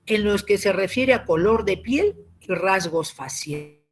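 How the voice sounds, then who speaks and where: A man, giving a civics lesson as a teacher. He explains patiently, often tags his points with a question and clears his throat. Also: sits high, lively intonation, measured pace.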